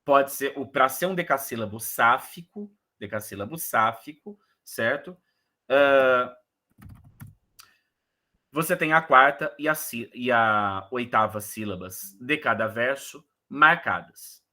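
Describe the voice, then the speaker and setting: A man giving a casual online lecture on verse rhythm, explaining in a relaxed way and counting syllables aloud. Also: medium pitch, slow. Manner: casual explanatory, frequent "né" and "beleza". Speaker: poetry course instructor.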